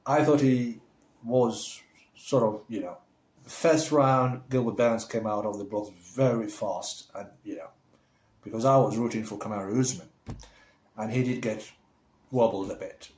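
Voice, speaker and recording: A man's voice: on the low side, a little slow, a little mellow. A man from Somalia talking casually to camera as a vlogger. He rambles in a chatty way, with many fillers and restarts, and turns enthusiastic when he praises someone. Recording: roomy echo.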